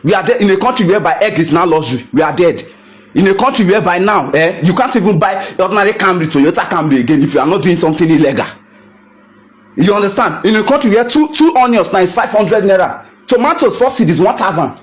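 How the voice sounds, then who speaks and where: A man's voice: high-pitched, animated, quick pace, husky. A young Nigerian man giving a heated rant to camera, mixing English with Pidgin and hammering rhetorical questions. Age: young adult. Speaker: photographer ranting to camera. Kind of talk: impassioned rant.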